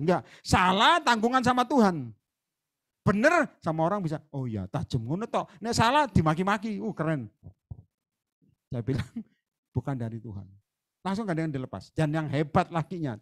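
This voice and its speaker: A man preaching in a church, fairly high voice that swings all over the place. He talks in a chatty way, acts out little back-and-forth conversations, and jumps from loud bursts to quiet asides. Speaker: guest preacher. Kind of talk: lively sermon. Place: church hall.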